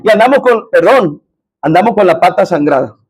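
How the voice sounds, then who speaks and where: A man's voice: high voice, animated, a little fast, slightly rough. A man preaching a sermon as pastor in a church, often asking the congregation questions.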